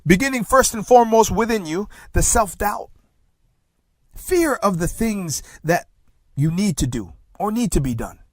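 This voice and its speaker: A Tongan-born man whose first language is Tongan hosts a talk show as a success coach, giving a slow, emphatic motivational monologue full of dramatic pauses and hushed, near-whispered phrases. His voice sits high and is expressive, captured in a dry recording.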